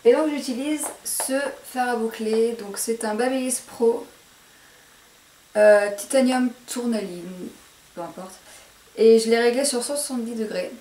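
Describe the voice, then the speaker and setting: A woman's voice: fairly high pitch, measured pace, mellow, slight background noise. A woman with a posh French accent talks through a hair tutorial, hesitating and correcting herself with many fillers. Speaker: beauty vlogger. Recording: echoey room, mic at a distance.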